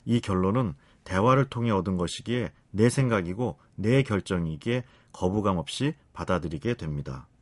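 A man hosting a short radio segment as a psychiatrist, explaining calmly in scripted commentary and posing rhetorical questions. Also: low voice, normal speed, hardly any pauses, dry recording.

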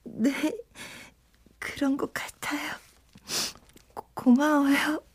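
An actress voices a young woman music student in a radio drama, weeping and halting through her words. Her voice sits very high and moves slowly, with a lively rise and fall. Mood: shy, calming down. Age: 20s. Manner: sobbing, halting speech.

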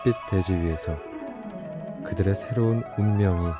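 A man narrating a dark fantasy radio drama as a grave, solemn storyteller. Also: low voice, moderate pace, over loud music, lightly acted.

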